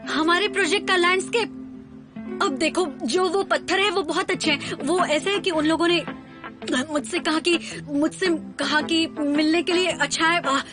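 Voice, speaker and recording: A woman's voice: very high voice, normal speed. A woman dubbing a bossy young woman in a TV drama, speaking firmly. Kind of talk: Hindi dub of a TV drama. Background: background music.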